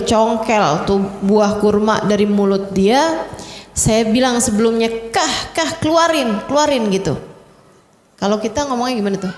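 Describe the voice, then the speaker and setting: Woman preaching in an echoey hall. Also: fairly high pitch. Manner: conversational, acts out dialogue with her voice. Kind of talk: casual Islamic sermon. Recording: echoey hall with faint ambience.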